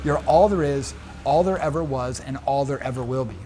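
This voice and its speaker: A man quoting a gentle feminine plant spirit in his own voice, soft, patient and solemn. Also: medium pitch, a little fast, a little hiss or hum, natural voice.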